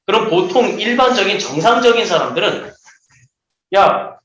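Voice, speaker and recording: A man's voice: high voice, fairly quick. A man preaching a sermon to children, telling stories and acting out the voices of the people in them. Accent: Seoul Korean. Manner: lively, acts out quoted voices. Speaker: children's pastor. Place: church hall. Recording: echoey room.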